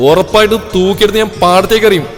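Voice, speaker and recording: A man voicing a blunt, hot-tempered young village man who teases and scolds loudly. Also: mid-range voice, normal speed, lightly acted. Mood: angry. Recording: long reverb with soft music.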